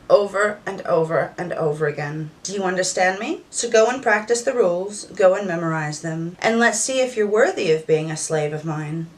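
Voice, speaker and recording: A woman in a scripted monologue, playing a strict dominatrix who lays down orders to the viewer. Her delivery is commanding and scornful, with a pitch that is neither high nor low. She sometimes slows down to lean hard on single words. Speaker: dominatrix content creator.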